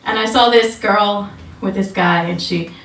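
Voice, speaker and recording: A young woman performing a stand-up set at a small club, with a slow deadpan delivery full of ums and little chuckles. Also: mid-range voice. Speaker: stand-up comedian. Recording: roomy echo from a distance.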